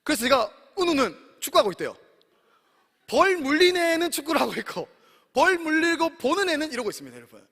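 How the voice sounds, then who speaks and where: A man in his thirties preaching a sermon, animated and speaking often to his congregation. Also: very high-pitched, fast. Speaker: pastor. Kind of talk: sermon at a campus worship service. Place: large worship hall. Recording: long hall reverb.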